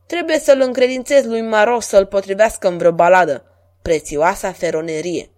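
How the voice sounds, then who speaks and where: A woman voicing a vain, lovestruck middle-aged king in a storybook reading, speaking grandly and louder than her narration. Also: medium pitch, lightly acted. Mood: imperious.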